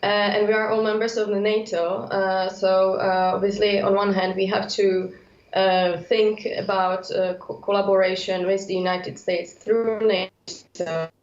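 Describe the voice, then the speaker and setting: A woman from the Czech Republic, a political analyst joining by video call, speaking haltingly with many fillers. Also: mid-range voice, level tone. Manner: halting, heavy use of uh fillers. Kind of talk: remote expert commentary. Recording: echoey muffled remote link.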